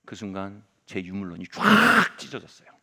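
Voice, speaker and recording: A middle-aged male pastor delivering a Sunday sermon, telling a personal story and swinging between loud exclamations and hushed asides. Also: lowish voice, wildly swooping pitch, moderate pace, breathy edge.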